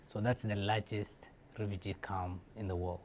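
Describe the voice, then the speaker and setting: A young Somali man, being interviewed, tells his life story in a casual, unscripted and hesitant way, full of fillers and restarts. His voice is fairly low and level, at a moderate pace, against a noisy background.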